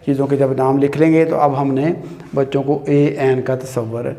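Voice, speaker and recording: A man teaching an English grammar lesson at a board, slow and patient, often checking in with "theek hai". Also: mid-range voice, steady tone, mellow, long reverb tail. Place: classroom with a board.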